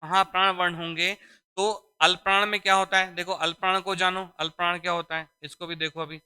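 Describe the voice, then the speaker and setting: Bright, crisp-voiced male Hindi teacher. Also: high voice, little pitch movement, brisk. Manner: repetitive, drilling phrases and quizzing students; addresses students as "beta". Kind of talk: exam-prep classroom lesson.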